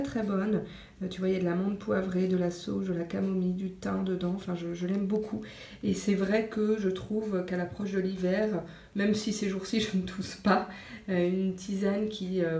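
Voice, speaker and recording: A woman vlogs from her kitchen in a relaxed, chatty way, talking straight to the viewer. She hesitates often, filling pauses with small sounds. The room gives her voice a noticeable echo, and her pitch sits in the middle range. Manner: chatty, addresses viewer directly, frequent hesitations. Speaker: vlogger. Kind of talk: casual food vlog chat. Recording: roomy echo.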